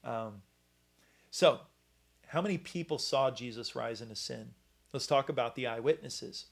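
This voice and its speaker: Halting man giving a Bible talk. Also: mid-range voice, gravelly. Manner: halting, many fillers and restarts. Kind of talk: casual Bible teaching talk.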